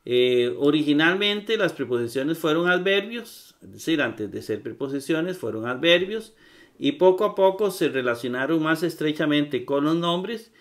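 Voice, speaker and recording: A man giving a recorded grammar lesson. He talks haltingly, with many fillers and repeated words, and checks in with his listeners. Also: on the high side, lively intonation. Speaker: Greek grammar teacher.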